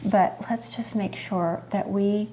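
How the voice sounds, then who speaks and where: A middle-aged woman talks straight to her viewers in a relaxed, chatty way, earnest and heartfelt as she shares what matters to her. Her voice sits at an ordinary middle pitch, with a faint hiss behind it. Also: takes it slowly. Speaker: host. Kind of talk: casual chat to camera.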